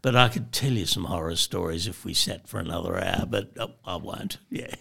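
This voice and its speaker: A man's voice: low voice, a little fast, vocal fry, bright, forceful tone, breathy edge. An older Australian man, a former publican and fly fisher, telling stories as an interview guest, chuckling and acting out the voices of people in them. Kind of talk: anecdotal storytelling.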